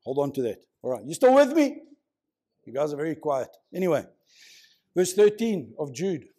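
A man's voice: a little high, sing-song, normal speed, mellow. A man preaching a conversational sermon to a congregation, prodding them with questions. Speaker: pastor. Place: church, before a congregation.

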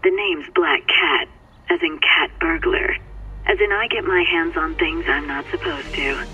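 A woman's voice: sits low, a little slow, bright, forceful tone. An actress playing a flirtatious, cocky female cat burglar in a video game, with a coy teasing purr through a telephone filter. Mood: sly, flirtatious. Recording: tinny filtered phone line.

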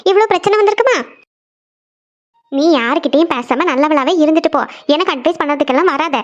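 A fed-up little cartoon girl who grumbles and huffs at everyone. Her voice is shrill and high, and the words tumble out fast. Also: lo-fi sound. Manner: huffy, complaining. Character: sulky young girl, fed up and defiant. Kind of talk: cartoon voice acting.

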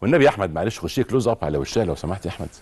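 Egyptian male tv host, low husky voice, rapid questions. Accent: Egyptian Arabic. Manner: lively questioning, directs the cameraman. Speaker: talk show host. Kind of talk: TV interview.

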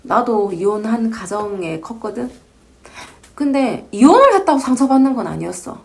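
A woman in her forties with a slightly high voice talks through personal experience in a casual, earnest way. She is reflective and speaks in short, informal phrases, like a mother confiding in a friend. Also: sing-song, moderate pace, darkish tone. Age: 40s.

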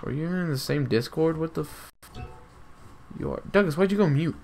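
A young man streaming a game, chatting casually in a joking, teasing way with bursts of shouting. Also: fairly high pitch, a little fast, slight background noise. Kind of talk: casual gaming chat.

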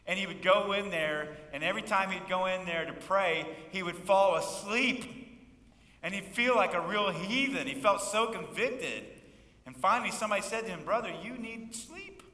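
In an echoey church sanctuary, heard from far off, a man in his fifties preaches with folksy humor and prompts the congregation to answer back. His voice is high-pitched, bright and forceful at a moderate pace.

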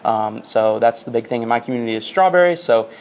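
Young guest from Florida, quick earnest answers, lapel mic in a big hotel hall. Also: male voice, medium pitch, animated, darkish tone, a little hiss or hum. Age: young adult. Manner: friendly, earnest, many uh fillers. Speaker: interview guest, national student officer. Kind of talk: casual interview answers. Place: large hotel convention hall.

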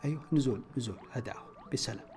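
A young man, playing a platform game on his channel and commenting casually, groaning and shouting as he plays. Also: mid-range voice, very fast, soft background music. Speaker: gaming YouTuber.

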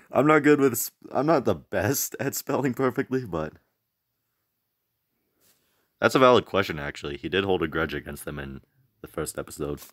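A young man with a low voice reacts to a video from his home mic. He chats loosely, laughs at his own slips and pokes fun at himself. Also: lively intonation, moderate pace, long pauses. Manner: chatty, self-mocking, laughs often. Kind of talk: casual reaction commentary.

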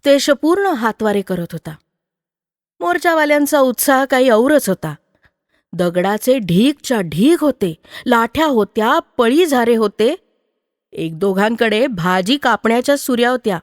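A woman narrating a story at an unhurried, deliberate pace, giving each phrase its weight. Her voice sits slightly high, and a long reverb trails after her words. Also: clean studio sound. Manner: measured, expressive reading.

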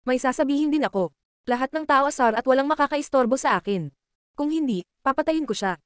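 A woman voicing a cold, ruthless young male martial cultivator who makes flat threats, in a fast-read audiobook. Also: high-pitched, clean tone, no room sound, clean studio sound.

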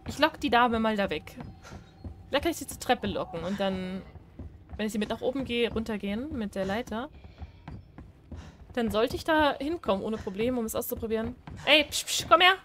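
A woman casually commenting on a horror video game as she plays, chatting to the game's characters and swinging between shrieks and low mumbling. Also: fairly quick, pauses often. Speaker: gaming streamer. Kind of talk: casual Let's Play commentary.

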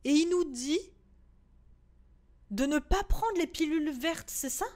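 High-voiced young woman streaming a horror game. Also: animated, measured pace, a little mellow. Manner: chatty, swears, repeats "wait" in bursts, shrieks at scares. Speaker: gaming streamer. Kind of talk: let's-play commentary of a horror game.

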